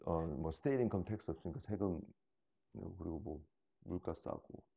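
Deep, gravelly, slow-spoken man. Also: lo-fi sound. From South Korea. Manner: slow, halting delivery. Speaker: interview guest. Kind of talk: casual interview answers. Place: small living room, on a sofa indoors.

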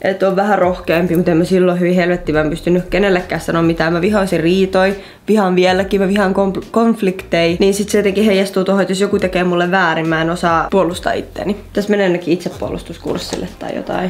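A woman of about twenty, a vlogger chatting casually and telling animated stories to her viewers. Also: lowish voice. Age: around 20. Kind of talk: casual storytelling vlog.

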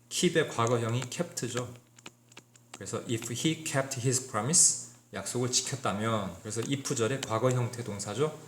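A male English teacher explains grammar problems one by one, stopping often to check in with his students. His mid-pitched voice carries a roomy echo, with faint clicks now and then. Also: slight background noise. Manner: walks through problems step by step, frequent "자" and "그죠?" check-ins. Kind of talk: exam-prep grammar lecture.

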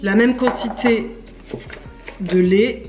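A woman's voice: medium pitch, slow pace, a little mellow, faint music behind. Chatty woman cooking in an echoey kitchen. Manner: chatty, explaining step by step with many fillers. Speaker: cooking vlogger. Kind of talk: casual cooking demonstration. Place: home kitchen, indoors. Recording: echoey kitchen with faint noise.

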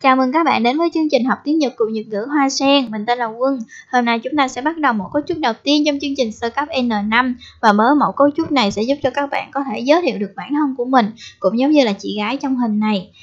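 A young woman teaching Japanese to beginners, repeating each example phrase slowly for learners. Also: high-pitched. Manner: slow drilled repetition of example phrases. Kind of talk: language lesson. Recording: dull lo-fi recording.

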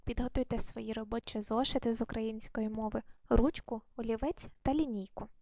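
A woman teaching a primary school video lesson, speaking slowly and clearly to children in an encouraging way. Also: on the high side, fairly even intonation, warm tone, no echo. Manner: slow, clear, encouraging classroom delivery.

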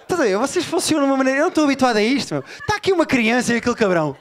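A man from Portugal with a Lisbon accent, performing an animated, profane stand-up set and riffing with the crowd. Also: very high voice, racing, slight background noise. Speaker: stand-up comedian. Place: comedy bar before a live audience. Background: audience laughter.

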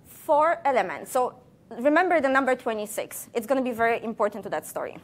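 A woman scientist with a somewhat high voice delivers a public science lecture at a brisk clip. She's playful, tossing questions to the audience and slipping jokes between facts, with an animated, conversational delivery.

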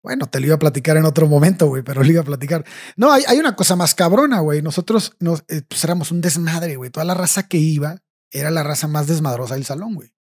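A man's voice: a little high, quick pace, breathy edge. A young Mexican man telling a personal story in casual, slang-heavy chat, swearing freely and tagging his phrases with "güey".

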